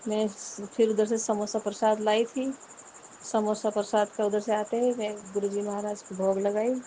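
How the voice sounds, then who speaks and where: A woman's voice: medium pitch, warm tone, a little hiss or hum, low-quality recording. A middle-aged woman talking to her guru about her day. Her talk is homely and rambling, and she keeps addressing the guru. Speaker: devotee.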